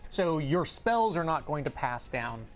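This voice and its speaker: A man's voice: a little high, sing-song, unhurried. A man co-hosting a casual livestream, answering viewer questions and explaining how the game works. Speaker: game developer co-host.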